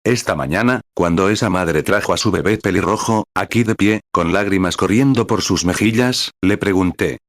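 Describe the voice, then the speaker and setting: Deep-voiced man reading a sermon. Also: normal speed, few pauses, no echo, studio quality. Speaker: sermon reader. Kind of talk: translated sermon narration.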